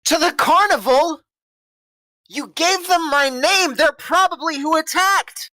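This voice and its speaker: A woman voicing a distraught young boy in a tabletop game, shouting accusations. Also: animated, brisk, dry recording. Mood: accusing. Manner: shouting, accusing, high-strung.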